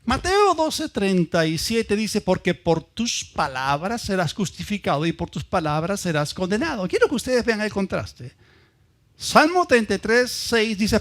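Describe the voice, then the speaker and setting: A man's voice: high-pitched, a bit bright. A man from Peru, a pastor preaching a sermon with emphatic repetition and questions to the congregation. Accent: Peruvian Spanish. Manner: emphatic, repeats ideas in lists, asks the congregation questions.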